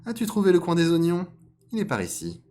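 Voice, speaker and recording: A man voicing a sly, scheming male fox in a spoken folk tale, in a loud, raised voice. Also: a little high, huge pitch swings, brisk, pitched above the performer's own voice.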